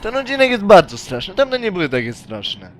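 A man's voice: sits high, wildly swooping pitch, fairly quick. A young man commentating a horror game, joking around and shrieking and pleading when scared. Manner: jokey, easily startled, shrieks and pleads. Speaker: gaming YouTuber.

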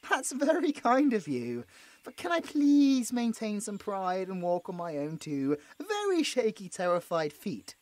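A British man performs an audio roleplay as a frightened, injured young monster hunter held captive, pleading anxiously and trying to placate his captor while muttering sarcastic asides. His high-sitting voice stammers through a heavily acted, very animated but unhurried delivery. The recording is dry, with no echo.

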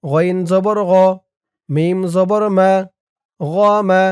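Man, Bangladeshi accent, religious teacher, spells out syllables, long drawn-out chanting, crisp smooth voice, unhurried. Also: high-pitched, a little mellow, no room sound, clean studio sound. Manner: slow drawn-out chanting of the Arabic, quick plain talk in between. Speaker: Arabic teacher.

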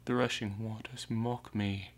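A man acts out a ragged, mad prophet in a dramatic monologue. The voice sits fairly low and moves very slowly, brooding and anguished. It shifts between hushed, breathy whispering and ringing, theatrical cries. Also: flat delivery. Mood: tormented, brooding. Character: mad, anguished Merlin, a ragged wild prophet living as an outcast.

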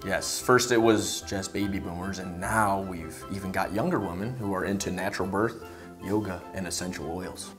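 A woman playing a deadpan, earnest conspiracy-theorist saleswoman in a comedy sketch, with a low voice. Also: normal speed, over music.

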